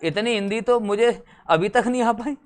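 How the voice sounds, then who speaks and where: A man's voice: sits high, normal speed. A young adult man teaching a grammar lesson for exam prep, chatty and teasing, often quizzing his students.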